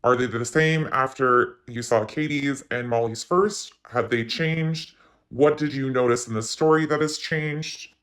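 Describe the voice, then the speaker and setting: A man's voice: medium pitch, a little slow, a bit bright. Man's voice through a voice changer. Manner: opinionated, addresses viewers directly. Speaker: commentary channel host. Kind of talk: online commentary recap.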